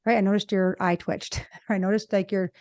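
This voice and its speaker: A middle-aged woman, a relationship psychologist, talking fast and telling animated stories in a casual conversation. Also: medium pitch, no echo. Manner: fast talker, animated storytelling. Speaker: podcast co-host, relationship psychologist.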